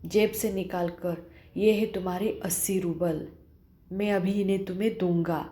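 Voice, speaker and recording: A stern middle-aged male master, shouting and stammering out repeated words in his anger, as a woman teacher reads the part. The voice is mellow and warm underneath, pushed higher and louder in the outbursts. It sounds like a play read aloud in class. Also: fairly even intonation, normal speed, lightly acted. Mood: calmer. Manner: shouting, stammering repetitions in rage. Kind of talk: reading a one-act play aloud.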